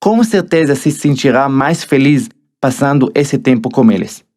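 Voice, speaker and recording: A man's voice: a little high, a little mellow. Israeli man narrating his motivational audiobook. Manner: motivational, addresses the listener directly. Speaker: author narrating his own book.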